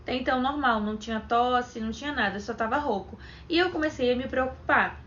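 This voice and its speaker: A young Brazilian woman vlogs casually to camera, chatting as she retells events and quotes what others said. She talks fast in a slightly high, somewhat bright voice. The recording is dull and lo-fi, with faint background noise.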